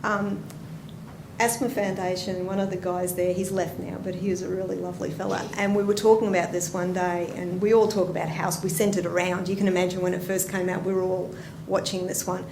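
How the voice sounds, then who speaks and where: Her voice is lowish, creaky and level, and she talks fairly quickly. This Australian nurse educator gives a casual, anecdote-rich conference talk, asking the audience questions, in a roomy hall with background noise.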